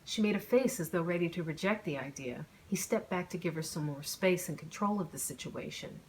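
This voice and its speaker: Woman author narrating her own audiobook, low voice, plain and even. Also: fairly quick, slight background noise.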